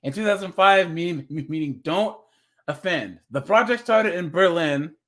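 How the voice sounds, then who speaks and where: Upbeat young male streamer, a bit higher-pitched, loose chatty reaction delivery with frequent laughs and restarts. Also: lively intonation, moderate pace, fairly bright tone. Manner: chatty, laughs often, stumbles and restarts words. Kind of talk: casual reaction commentary.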